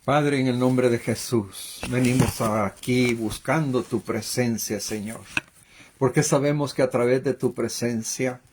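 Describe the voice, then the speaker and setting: A man, a pastor, praying slowly and carefully at the end of a service. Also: medium pitch, fairly even intonation, noisy background. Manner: slow, measured praying. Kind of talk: prayer.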